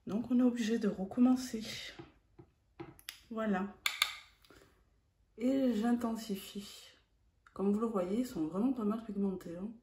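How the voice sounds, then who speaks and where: Slow, mellow-voiced woman explaining makeup. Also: mid-range voice, roomy sound, slight background noise. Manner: calm step-by-step explaining. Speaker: beauty vlogger. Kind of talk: makeup tutorial narration.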